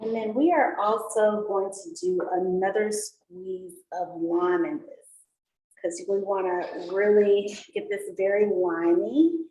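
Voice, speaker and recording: A woman's voice: mid-range voice, steady tone, slow pace, mellow. A woman hosting a casual online cocktail class, chatty and upbeat, explaining each step as she mixes. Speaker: mixology instructor. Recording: echoey room with faint noise.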